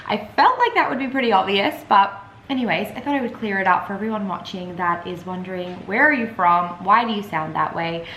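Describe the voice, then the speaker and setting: A young woman with a soft Edinburgh Scottish accent blended with Australian, chatting casually to her phone camera in a rambling vlog style. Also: mid-range voice, roomy sound, a little hiss or hum, low-quality recording. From Scotland, raised partly in Australia. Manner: chatty, rambling, frequent "like" and "you guys". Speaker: vlogger.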